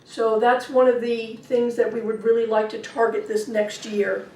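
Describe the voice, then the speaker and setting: A woman presenting a funding request at a public meeting, talking fast and apologetic in a casual way. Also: a little high, little pitch movement, a little mellow. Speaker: agency presenter. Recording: echoey meeting room from a distance.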